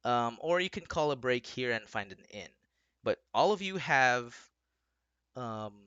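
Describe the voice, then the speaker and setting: A young man narrates a tabletop game as its dungeon master, pausing often with ums as he lays out options. His voice is bright and lively in pitch and his delivery is slow. The sound is dry and close. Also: dry recording. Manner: hesitant, full of ums.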